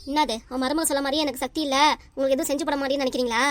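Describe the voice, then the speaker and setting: A woman voicing a stubborn, quarrelsome old grandmother in a cartoon family comedy, scolding in a sharp, rapid-fire way. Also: high voice, fairly even intonation, close to an everyday voice. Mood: defiant.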